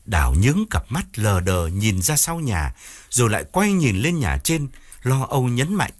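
A man narrating a ghost story audiobook in an expressive, dramatic way, with soft music behind. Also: medium pitch, moderate pace.

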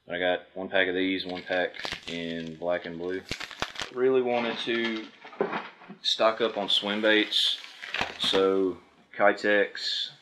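Talking casually to camera, a man in his thirties goes through fishing products at a table in front of a backdrop indoors. His voice is low, and there's background noise in the recording.

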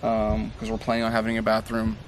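A man's voice: on the low side, a little fast, a little hiss or hum. A man in his thirties giving a casual, step-by-step how-to tour of the plumbing at his outdoor building site, with plenty of ums and uhs. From Tennessee. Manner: relaxed, many ums and uhs, explains step by step. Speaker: DIY home builder.

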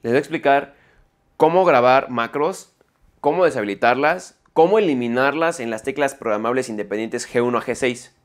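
A man's voice: mid-range voice, normal speed. Spanish-speaking man explaining a keyboard. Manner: explanatory, repeats "¿ok?" after points; self-correcting mid-sentence. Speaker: tech reviewer. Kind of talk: product review tutorial.

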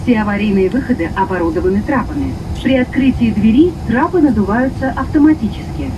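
A woman's voice: fairly high pitch, animated, brisk. Woman's flight safety demo, muffled and noisy. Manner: formal, instructional, clearly phrased. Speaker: airline safety announcer. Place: aircraft cabin. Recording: muffled cabin PA, loud aircraft noise.

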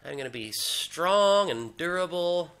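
A man's voice: sits high, lively intonation, a little slow, bright, forceful tone. A man giving casual commentary while playing a video game. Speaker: gaming video host.

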